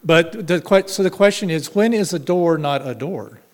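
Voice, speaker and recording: A man telling a dad joke, his voice slightly higher than average. He is off-mic, with a long hall reverb trailing each phrase. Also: lively intonation, normal speed.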